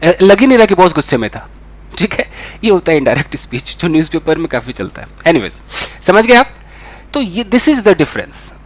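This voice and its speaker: A young man teaching a spoken English lesson in an animated way, acting out the dialogue he explains. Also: on the high side, normal speed. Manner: animated, acts out quoted dialogue.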